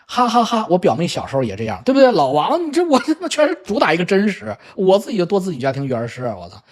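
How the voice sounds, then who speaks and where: A man's voice: sits high, wildly swooping pitch, rapid-fire. A middle-aged man hosting a casual livestream chat, telling family stories animatedly with swearing and laughs. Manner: acts out children's voices in quoted lines. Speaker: livestream host. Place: home in Vancouver.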